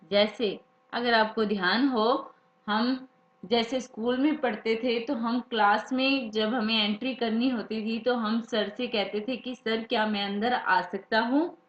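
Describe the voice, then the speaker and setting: Woman grammar teacher, fairly high voice, repeats every point as a quiz, roomy dull recording. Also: steady tone. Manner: slow, repeats key words as questions to students. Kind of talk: Hindi grammar lesson. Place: classroom or study room, writing examples. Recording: echoey room, dull lo-fi sound.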